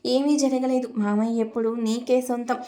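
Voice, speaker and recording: A woman's voice: a little high, little pitch movement, moderate pace, warm tone, lightly acted. Latha, a woman doing a firm reproachful younger sister. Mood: earnest. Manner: earnest, scolding.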